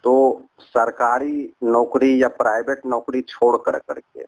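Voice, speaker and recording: A Bihari-accented man on a recorded phone conversation earnestly rambles about his personal affairs, repeating himself as he circles around. He speaks slowly in a medium, slightly mellow voice with little pitch movement, and there's no room sound.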